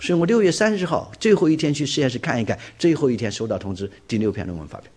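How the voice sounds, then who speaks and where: Man, husky voice, lively pitch, preacher's testimony, vivid storytelling. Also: rapid-fire. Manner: vivid storyteller who acts out quoted dialogue. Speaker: preacher giving his testimony. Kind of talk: animated personal testimony.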